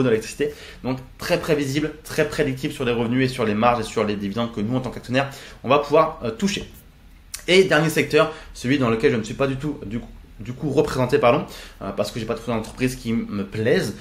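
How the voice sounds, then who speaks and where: A man hosting his own investing channel, explaining in a casual, chatty way with many fillers and self-corrections. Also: mid-range voice. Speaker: investing YouTuber. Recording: roomy echo.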